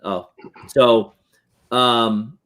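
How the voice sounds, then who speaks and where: A man's voice: mid-range voice, fairly even intonation, very slow, fairly bright tone. A man hosting a casual podcast, reading out long lists of viewer names and birthdays. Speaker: podcast host.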